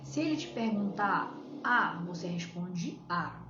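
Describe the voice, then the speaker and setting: A woman's voice: lowish voice, expressive, slow, fairly bright tone. Brazilian woman coaching with rhetorical questions. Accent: Brazilian Portuguese. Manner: explains step by step with rhetorical questions. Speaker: coach on shyness. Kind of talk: live-stream advice talk. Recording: echoey room, dull lo-fi sound, faint hiss.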